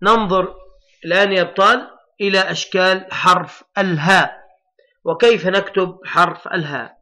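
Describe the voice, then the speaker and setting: A man teaching young children to read, sounding out letters and words slowly and emphatically while encouraging his pupils. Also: sits high, steady tone, pushed and bright. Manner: addresses pupils as heroes, patient and encouraging. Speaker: primary school Arabic teacher. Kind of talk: recorded classroom lesson for young children.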